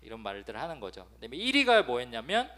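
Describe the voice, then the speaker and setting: Bright, animated male preacher. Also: mid-range voice, very fast. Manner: animated, mimics nagging parents with sudden loud outbursts. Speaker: preacher to a youth congregation. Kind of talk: lively sermon with acted-out quotes.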